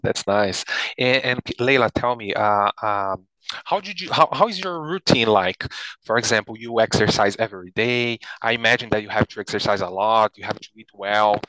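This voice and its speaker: A man's voice: lowish voice, expressive, moderate pace, pushed and bright, no room sound. A man, a native Portuguese speaker, hosting an interview in a friendly manner and often repeating words as he forms his questions. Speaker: host, English teacher.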